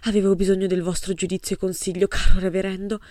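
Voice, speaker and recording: A woman's voice: medium pitch, little pitch movement, quick pace, warm tone, no echo, clean studio sound, natural voice. A woman voicing a bossy rich widow who talks dramatically and moralizes. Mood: dramatic. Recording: music playing behind.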